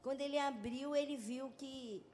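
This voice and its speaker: A woman reverend guest telling a personal testimony in casual church chat, animated and acting out the dialogue. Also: high voice, normal speed, slight background noise. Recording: long hall reverb.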